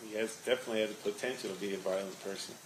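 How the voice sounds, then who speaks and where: Male witness under cross examination, lowish voice, measured guarded answers, faint background noise. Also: steady tone, low-quality recording. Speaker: witness, police investigator.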